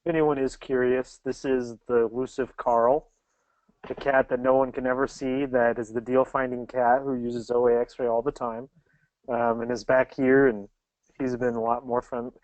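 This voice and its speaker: A man's voice: mid-range voice, level tone, normal speed, darkish tone, dry recording. A man hosting a show over a video call, teasing his guests in a joking way. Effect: heard over a video call. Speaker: show host. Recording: dry, muffled video call audio.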